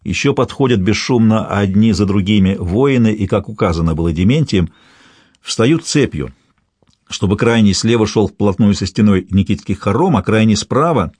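Low husky male audiobook narrator. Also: lively intonation, normal speed, a little mellow, dry recording. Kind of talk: scripted narration of a historical novel.

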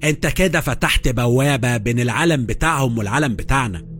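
A man's voice: mid-range voice, fast talker, a bit bright, faint music behind, natural voice. A man voicing a tense, anxious male scholar of magic, with an Egyptian accent. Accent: Egyptian Arabic.

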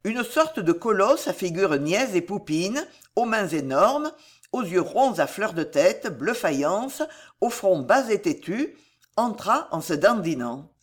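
Woman reading a novel aloud, very lively melodic voice, storyteller vibe. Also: medium pitch, slow, husky. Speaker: audiobook narrator. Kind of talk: audiobook narration.

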